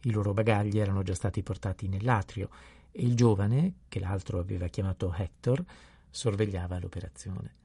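A man reads a novel aloud in a calm, unhurried narration. His voice is low, dark and gravelly with a husky edge. The sound is dry and close. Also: no room sound. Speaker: audiobook narrator.

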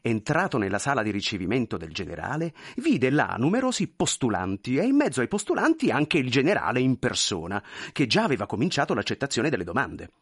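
A man narrates a literary story in a theatrical, expressive way. His voice is husky and moves through a very wide pitch range. The sound is dry and close. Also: fairly quick, few pauses, dry recording. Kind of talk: scripted narration.

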